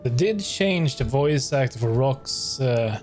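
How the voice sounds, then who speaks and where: A man's voice: mid-range voice, expressive, slow pace, a little mellow. A man casually commenting as he plays a video game, with the game's music behind him. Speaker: let's play host.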